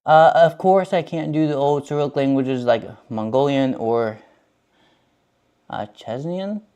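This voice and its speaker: This young streamer, Russian his first language and English learned at age eight, talks casually as he cooks, wandering and restarting his thoughts. His voice sits on the high side, warm and clean in tone, at a measured pace.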